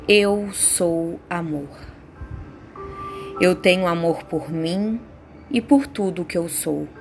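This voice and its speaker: Soothing, slow-paced woman guiding meditation. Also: lowish voice. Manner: slow, soothing, unhurried delivery with pauses. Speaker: meditation guide. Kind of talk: guided meditation with affirmations. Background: soft background music.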